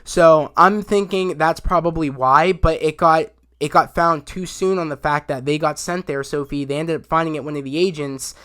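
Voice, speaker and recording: A man's voice: a little high, normal speed, hardly any pauses, fairly bright tone, clear, resonant tone. A young man giving a casual, rambling recap of a TV episode, full of restarts and fillers. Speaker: YouTube show reviewer.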